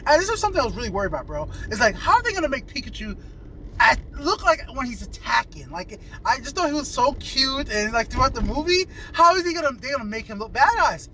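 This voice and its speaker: A man with a very high-pitched, pushed and bright voice gives a casual, enthusiastic, rambling movie review as a video reviewer. He talks fast in a sing-song way over noisy ambience with vehicle sounds.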